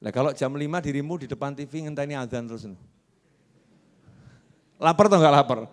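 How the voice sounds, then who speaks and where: A man with a Javanese accent preaching a sermon in a mosque, lively and quizzing the congregation. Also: on the high side, brisk. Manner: lively, asks the congregation questions.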